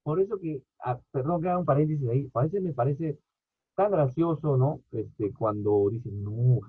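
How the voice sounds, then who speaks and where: A man preaching a sermon, swinging between loud emphatic bursts and quiet asides. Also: on the high side, a little fast, slightly rough, dry recording. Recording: tinny lo-fi phone-like audio.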